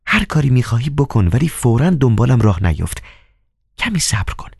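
A man's voice: mid-range voice, very animated, vocal fry, darkish tone, slightly rough, dry recording, studio quality, pitched above the performer's own voice, full character voice. A man voicing a proud, cold young woman with a biting, teasing manner in an audiobook. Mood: cold, haughty. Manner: biting, haughty, coquettish. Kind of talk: audiobook character voice.

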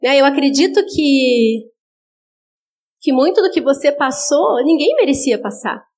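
A woman's voice: sits high, lively intonation, a little slow, a little mellow. A woman preacher giving a sermon, talking straight to her listeners with rhetorical questions and acting out their words in quoted asides. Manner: earnest, direct address with rhetorical questions.

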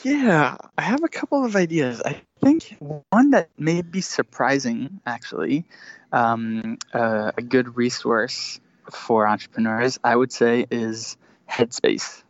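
A man's voice: mid-range voice, slow, dry recording. A man in his thirties from Switzerland, a startup founder talking as a guest on a remote call, hesitant, with many fillers and restarts. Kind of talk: casual interview. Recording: dry, dull lo-fi remote audio.

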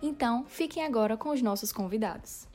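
A woman hosting a podcast, reading a clear, announcing intro. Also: a little high, fairly quick, warm tone. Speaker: podcast host. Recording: music bed under the voice.

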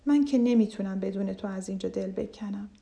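Woman doing a level-headed storybook duck, reassuring, mellow. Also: mid-range voice, vocal fry, close to an everyday voice. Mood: firm. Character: sensible, cautious first duck.

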